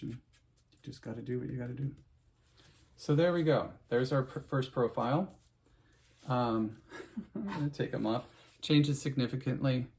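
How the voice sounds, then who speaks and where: This middle-aged opera singer has a creaky, medium-pitched voice as he rambles chattily to viewers. Fillers and restarts pile up throughout, and he wraps up by offering some warm advice.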